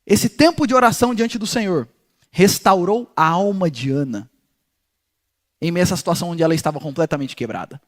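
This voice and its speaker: A man teaching a Bible passage in an animated storytelling way, talking directly to his listeners. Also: high-pitched, a little fast. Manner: speaks directly to listeners as "gente". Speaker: pastor teaching a Bible study.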